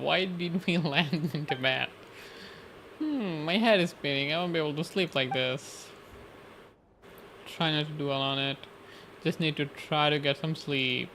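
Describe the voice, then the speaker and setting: On stream, a man plays a game, casually reading its dialogue aloud and commenting, occasionally tripping over the words. His voice is a little high, creaky, pushed and bright, and there's noticeable background noise.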